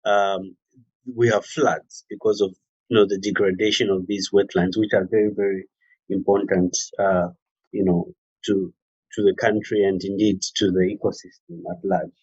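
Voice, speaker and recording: A man giving a formal, measured submission in an online webinar, with hesitant phrasing. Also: deep voice, little pitch movement, a little mellow, husky, no echo. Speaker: workshop participant. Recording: dull, dry online call audio.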